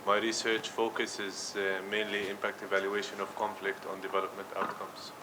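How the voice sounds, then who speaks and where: Man, economic affairs officer, low pitch, flat delivery, noisy room. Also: moderate pace. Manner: filler-heavy self-introduction.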